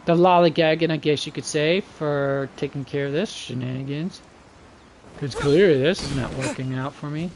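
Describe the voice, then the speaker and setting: A game streamer thinks aloud and mutters to himself during casual livestream commentary, talking in a folksy, slangy way. His voice is a little high, with a slight hiss or hum on the recording.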